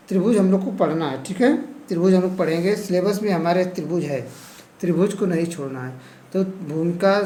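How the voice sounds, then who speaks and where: High-voiced teacher listing topics, echoey room. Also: male voice, a little mellow, a little hiss or hum. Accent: Hindi, eastern Uttar Pradesh. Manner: repeats "ठीक है", lists topics one by one. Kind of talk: lesson going over a syllabus.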